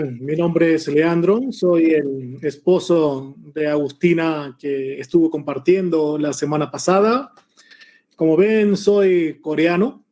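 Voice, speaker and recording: A man in his forties with a slightly high voice, born in Korea and raised in Argentina, teaches a Bible lesson over a video call. He speaks Spanish with a blend of Argentine and Mexican accents, relaxed and chatty, hesitating often.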